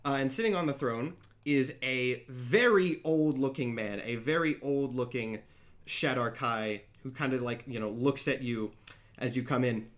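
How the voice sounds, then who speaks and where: A man narrating a tabletop game as game master, improvising in a casual, halting way. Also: medium pitch.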